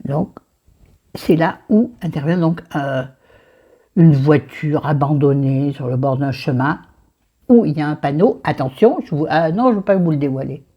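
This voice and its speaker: Her voice sits low with a breathy edge, at a normal speed, and the recording is muffled. She's a southern French book vlogger doing her makeup at her dressing table while chatting loosely about a book, digressing and talking to herself. A camera faces her mirror.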